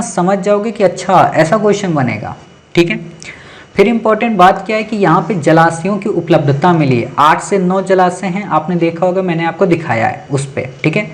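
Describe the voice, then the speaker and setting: A man teaching an exam-prep lecture, talking straight to his students, repeating key points and checking often that they follow. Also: sits high. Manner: addresses students directly, keeps checking with "ठीक है" and "समझ गए".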